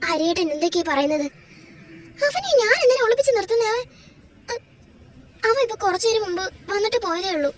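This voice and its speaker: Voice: very high-pitched, animated, fast, long pauses, slight background noise. A performer voicing a bewildered young wife in a home-made doll drama, pleading in confusion and close to tears. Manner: pleading, confused, rising to tearful.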